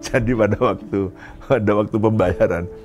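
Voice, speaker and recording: A male pastor preaching a sermon in a church, telling a story with lively acted-out quotes and frequent chuckles. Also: on the low side, moderate pace, highs cut off, soft background music. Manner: often chuckling. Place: church sanctuary.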